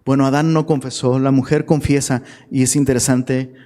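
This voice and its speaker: A man's voice: mid-range voice, level tone, moderate pace, warm tone. A man preaching a casual sermon to a live audience as a youth pastor, slangy and chatty, often asking the crowd questions. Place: church hall. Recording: long hall reverb.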